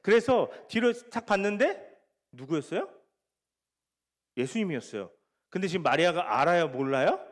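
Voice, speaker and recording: A man's voice: sits high, lively intonation, moderate pace, long pauses. A male pastor preaching a sermon to a young congregation, asking them questions and acting out the scripture scenes. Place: church sanctuary. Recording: long hall reverb.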